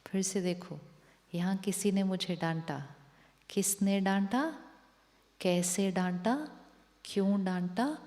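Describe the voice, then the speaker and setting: A woman's voice: medium pitch, slow pace, long pauses, darkish tone. A woman giving a spiritual discourse to an audience as a teacher, repeating rhetorical questions to them. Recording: long hall reverb.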